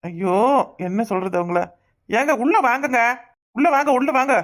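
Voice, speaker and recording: A woman's voice: fairly high pitch, expressive, moderate pace, lightly acted. A woman voicing a sheepish young village man in a cartoon, speaking with a Kanyakumari Tamil accent and coaxing, pleading calls. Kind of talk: cartoon voice acting.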